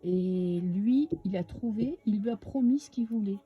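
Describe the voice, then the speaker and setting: A woman's voice: mid-range voice, measured pace, slightly rough, muffled recording, faint music behind. A woman with a French accent giving a casual, chatty tarot reading to her viewers, with many fillers and restarts. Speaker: tarot reader.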